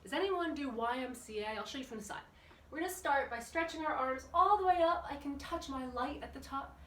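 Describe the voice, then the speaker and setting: Leading a kids' workout in a chatty, upbeat manner, this woman keeps posing questions to those watching, her high voice brisk and fairly bright. The room is indoors with open windows, and the faraway camera mic picks up echo and background noise.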